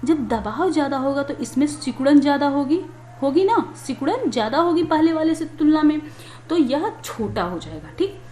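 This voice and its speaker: A woman's voice: high-pitched, a little mellow. A woman teaching a chemistry lesson in a conversational way, asking questions and answering them herself. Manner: conversational, asks and answers her own questions. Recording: echoey room with faint noise.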